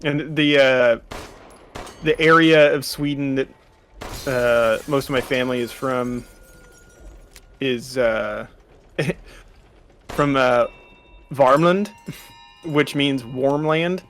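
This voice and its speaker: Man, thirties, from California, mid pitch, chatty, filler-heavy explanations. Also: fairly even intonation, drawn-out words, pauses often, fairly bright tone. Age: 30s. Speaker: let's play co-host. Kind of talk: casual gameplay chat.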